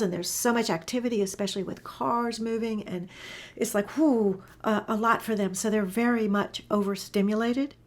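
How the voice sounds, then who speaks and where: Gentle woman teacher, keeps going soft and whispery, upbeat, mid-pitched voice. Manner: enthusiastic, talks with laughs. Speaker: animal communication teacher. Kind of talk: gentle spoken lesson.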